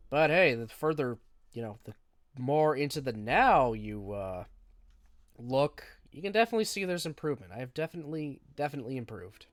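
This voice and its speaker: Rambling and self-deprecating, a game streamer with a stuffy nose and lingering cough talks at medium pitch and moderate pace, pausing often. He describes his own voice as monotone, and the dry recording carries faint music behind him.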